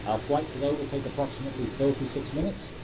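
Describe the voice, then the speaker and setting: A man's voice: mid-range voice, quick pace, over a noisy crowd, poor audio. A man's AI-cloned voice giving a formal captain's announcement over the cabin PA. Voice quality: smooth synthetic cloned voice. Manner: formal, even announcer delivery. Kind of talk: scripted in-flight announcement.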